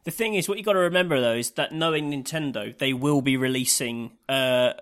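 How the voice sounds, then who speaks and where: Bright-voiced joking male podcaster. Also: medium pitch, a little fast. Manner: joking, rambling with fillers. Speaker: podcast co-host. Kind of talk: casual chat.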